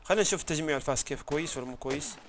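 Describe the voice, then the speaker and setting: A young man narrates his gameplay in a rapid, casual stream. His voice sits a little high, and he keeps thinking aloud, breaking off words halfway and picking them up again. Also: slight background noise. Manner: chatty, thinks aloud, trails off mid-word. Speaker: gaming YouTuber. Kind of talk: gameplay commentary.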